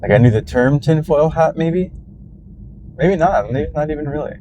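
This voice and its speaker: A man's voice: a little high, animated, moderate pace, mellow, a little hiss or hum. A middle-aged man rambling and musing aloud in a casual vlog, talking to the camera from his car. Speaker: vlogger. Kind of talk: casual driving vlog monologue.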